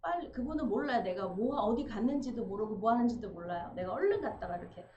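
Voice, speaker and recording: A woman's voice: a little high, expressive, quick pace. Woman pastor telling a story in her sermon, chatty, asks the people stuff, dull sound with noise behind. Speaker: pastor, church founder. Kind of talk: Sunday sermon. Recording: roomy, dull, noisy church recording.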